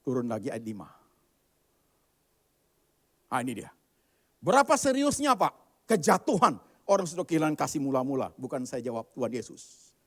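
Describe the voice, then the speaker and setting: A man's voice: mid-range voice, very animated, normal speed, pauses often. Dramatic male pastor preaching. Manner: dramatic preaching, swinging from quiet asides to loud emphatic declarations; sprinkles English words into casual speech. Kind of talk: live church sermon.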